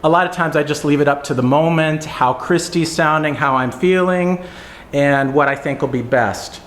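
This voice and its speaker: Man, viola lesson, higher-pitched voice, relaxed and explanatory, roomy echo, faint music behind. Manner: relaxed, explanatory, pausing between phrases. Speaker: music teacher. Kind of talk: demonstrating viola technique.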